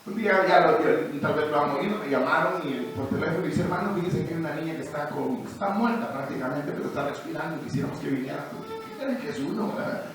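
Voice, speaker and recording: A male pastor preaching and telling stories, going from quiet asides to shouted declarations, with a Peruvian Spanish accent. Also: on the high side, big pitch swings, fast, hardly any pauses. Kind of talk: sermon with testimony. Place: church hall. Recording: echoey church hall, distant mic.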